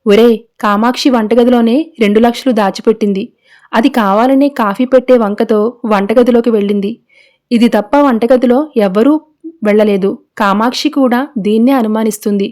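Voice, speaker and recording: A woman's voice: on the high side, fairly even intonation, moderate pace, darkish tone, natural voice. A woman voicing a domineering middle-aged mother-in-law who scolds and accuses in a storybook recap. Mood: accusing.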